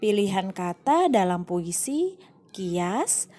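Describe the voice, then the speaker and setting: Slow, patient woman teacher. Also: medium pitch, sing-song, dark tone. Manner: slow, patient explaining with dramatic example readings. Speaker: primary school teacher. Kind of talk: recorded online class lesson.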